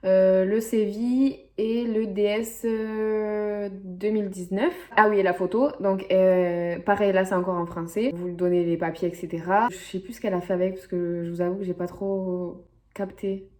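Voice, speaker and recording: In a casual storytelling vlog, a young woman from the French Basque Country rambles through a tale to camera, full of asides and filler words. Her mellow, medium-pitched voice has little pitch movement and moves at a normal speed.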